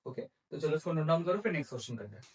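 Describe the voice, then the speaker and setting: A man's voice: a little high, lively intonation, racing, breathy edge, rough recording. Male teacher quizzing his class. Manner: poses questions to students and answers them himself; mixes Hindi with English terms. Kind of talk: exam-prep physics lecture.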